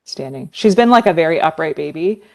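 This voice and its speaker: A young woman chatting casually as a podcast guest, talking quickly with lots of "like" and laughing often. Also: low voice, animated. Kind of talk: casual chat.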